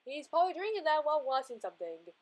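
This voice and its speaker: A woman's voice: high voice, very animated, fast, low-quality recording. A young woman chatting casually as she draws in a sketchbook, giggling often and calling everything little and cute. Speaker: art vlogger. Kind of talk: casual drawing narration.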